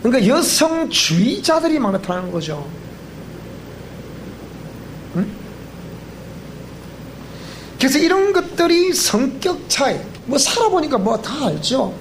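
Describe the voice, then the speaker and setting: A male pastor with a Gyeongsang accent giving a joking, animated seminar lecture that quizzes the audience. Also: extremely high pitch, measured pace, long pauses, slight background noise. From Gyeongsang region of Korea. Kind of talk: sermon-style seminar lecture. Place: church hall.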